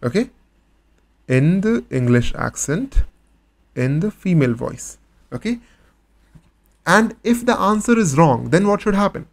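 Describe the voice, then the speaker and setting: Man, coding instructor, fairly high voice, patient, step-by-step, self-questioning. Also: big pitch swings, unhurried, vocal fry, long pauses. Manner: patient, step-by-step, asks and answers his own questions. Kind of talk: screen-recorded coding tutorial.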